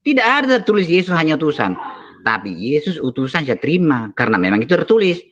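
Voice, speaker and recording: A man's voice: a little high, big pitch swings, fast, fairly bright tone, dull audio. A man, a pastor, angrily scolding and insulting his opponent in a heated debate. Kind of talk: heated online religious debate.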